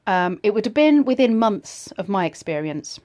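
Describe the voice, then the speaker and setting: A woman casually telling a personal ghost story in a reflective, slightly hesitant way, pausing between short phrases. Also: medium pitch, big pitch swings, a little mellow.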